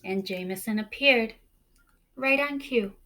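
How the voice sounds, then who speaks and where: Reading a story to children, this teacher performs it expressively, pausing for drama and putting questions to her young audience. Her voice sits on the high side, bright and forceful.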